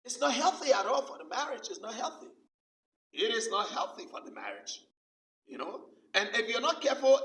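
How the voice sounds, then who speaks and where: A man's voice: very high voice, vocal fry, fairly bright tone. A male pastor preaching a sermon with emphasis, repeating his key phrases over and over. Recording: roomy sound from a distant mic.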